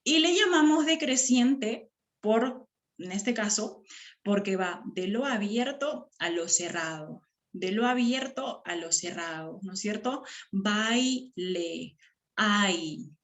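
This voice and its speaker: A woman's voice: mid-range voice, expressive, measured pace. A woman teaching a grammar lesson to her class, stretching words out syllable by syllable and checking in with short questions.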